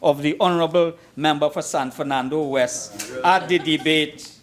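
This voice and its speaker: In a parliament chamber, an emphatic Trinidadian opposition MP delivers a formal debate speech in an oratorical style, repeating phrases for effect. His voice is a little high, with fairly even intonation and normal speed.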